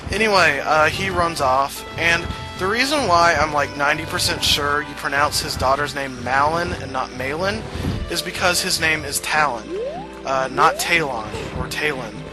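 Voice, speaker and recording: Man, Southern US origin, laid-back walkthrough commentary, slightly high voice, music in the background. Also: moderate pace, poor audio. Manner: casual, explanatory, many fillers and asides. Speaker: let's play host. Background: game music.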